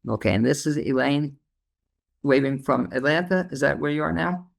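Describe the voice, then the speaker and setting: A podcast host from NYC conducts a laid-back interview, leaning on lots of filler words. He speaks at a normal speed in a fairly high, gravelly voice.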